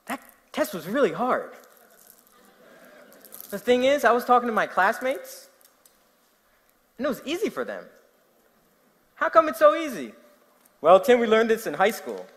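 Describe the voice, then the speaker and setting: A young man from New Jersey with a New Jersey accent preaches in a very high voice, a little slow, with long pauses. He tells animated stories and questions the audience, and the recording has long hall reverb.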